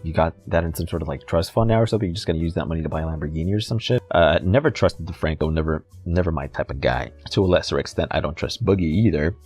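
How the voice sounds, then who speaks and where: A man's voice: a bass voice, quick pace, hardly any pauses, darkish tone, breathy edge, soft background music. A man giving a heated, profane and sarcastic rant as a YouTube commentator. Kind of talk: ranting commentary vlog.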